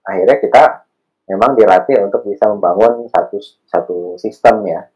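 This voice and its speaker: Soft-spoken low-voiced man. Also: creaky, dull audio. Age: 30s. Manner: unhurried, thoughtful, many fillers. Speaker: podcast guest, alumni candidate. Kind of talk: casual interview chat.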